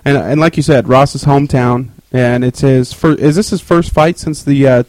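A man's voice: mid-range voice, steady tone, moderate pace, a little mellow, no echo, rough recording. A man co-hosting a casual sports chat show who teases the others and laughs easily. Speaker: co-host.

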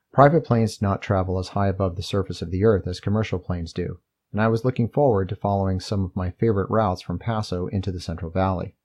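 A man reading his own memoir aloud in a steady, measured storytelling manner. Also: low voice, dull audio. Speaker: memoir narrator. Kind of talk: first-person memoir reading.

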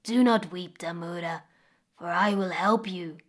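A woman voicing a stern but kind magical mother crocodile with a low, rumbling voice and slow, deliberate speech. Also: fairly even intonation, lightly acted. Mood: gentle.

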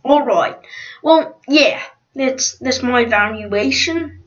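A woman's voice: fairly high pitch, distant mic. A woman voicing a contestant who puts on a British accent and stammers through her answer. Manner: halting, stammering. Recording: dull lo-fi recording.

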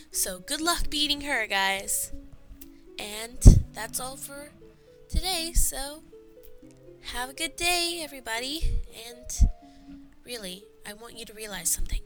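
A woman plays a giggly teenage girl hosting her school show in a homemade audio drama. She talks slowly with a bright, slightly high voice and rambles as she goes. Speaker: show host.

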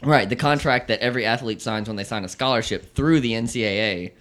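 A man co-hosting a casual talk show, explaining at length with many restarts and pauses. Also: mid-range voice, a bit bright. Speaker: podcast co-host. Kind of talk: casual chat.

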